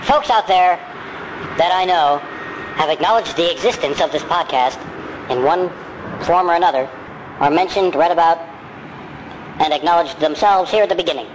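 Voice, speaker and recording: A man's voice: fairly high pitch, moderate pace, pauses often, noisy background. A man hosting a podcast in a sped-up chipmunk voice, rambling and correcting himself as he goes. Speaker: podcast host. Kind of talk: casual podcast monologue.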